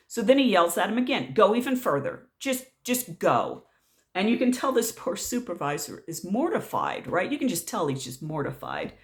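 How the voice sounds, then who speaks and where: A woman's voice: mid-range voice, a bit bright. A middle-aged woman vlogger telling a story in a casual rant, exasperated and sarcastic.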